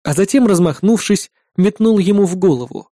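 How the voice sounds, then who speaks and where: A man reading first-person audiobook narration in a gruff, sardonic manner. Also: high-pitched, expressive, moderate pace, warm tone, no room sound, studio quality.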